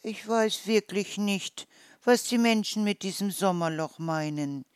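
A storyteller voicing a small, clever forest mouse with a lively, mocking manner. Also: mid-range voice, a little slow, clean tone, no room sound, studio quality, pitched above the performer's own voice, lightly acted.

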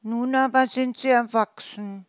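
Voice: mid-range voice, fairly even intonation, a little slow, clean tone, dry recording, studio quality, pitched above the performer's own voice, close to an everyday voice. A storyteller voicing a caring mother wild boar in a storybook, wistful and sighing.

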